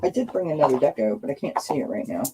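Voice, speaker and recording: Talking fast with lively intonation, a woman with a very deep, scratchy voice hosts an oracle card-reading stream. She sits outdoors by a firepit, chatting casually and kindly with those tuning in live.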